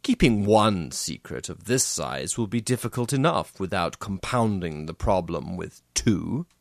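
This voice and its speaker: A man's voice: deep voice, animated, unhurried, gravelly, no room sound, heavily acted. A male audiobook narrator voicing a calculating, impatient moneylender who sounds dry and dismissive. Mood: scheming. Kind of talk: audiobook character reading.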